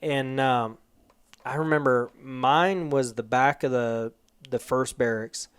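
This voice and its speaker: A man's voice: medium pitch, fairly even intonation, slow pace, clear, resonant tone. A man hosting a podcast, telling stories in a casual, rambling way with swearing and laughter. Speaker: podcast host. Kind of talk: casual chat.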